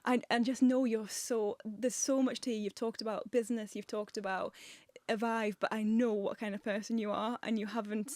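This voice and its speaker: A woman's voice: a little high, flat delivery, moderate pace, few pauses, a little mellow, dry recording. A woman hosting a podcast interview, chatting casually and teasing her guest. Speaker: podcast host.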